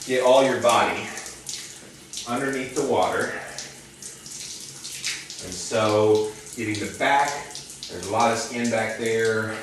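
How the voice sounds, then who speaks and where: A vlogger taking a cold-water challenge stands under ice-cold water in an open hotel-bathroom shower, calmly instructing viewers while stretching and repeating words for emphasis. His mid-range voice echoes off the bathroom, picked up by a distant mic amid the noisy running shower.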